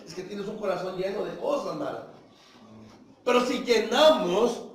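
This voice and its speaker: A man with a high voice preaches a sermon in a church hall, addressing his listeners as brothers, posing rhetorical questions, and acting out short dialogues in different voices. The hall is echoey, his voice sounds distant, and there is slight background noise.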